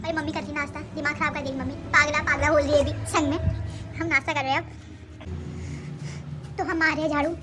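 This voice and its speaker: A woman's voice: high voice, flat delivery, fast talker, pauses often, noisy background. A young woman vlogging casually at home on a handheld phone, rambling and correcting herself as she talks. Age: young adult. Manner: rambling, chatty, self-correcting. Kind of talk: casual home vlog chat. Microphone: handheld phone camera.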